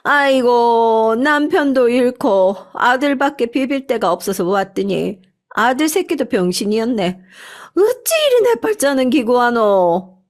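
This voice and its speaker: A woman voicing a bossy older mother-in-law who speaks with a Gyeongsang accent and talks loudly and whinily. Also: fairly high pitch, very animated, a little slow. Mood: wailing. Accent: Gyeongsang dialect. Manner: bossy, loud and whiny.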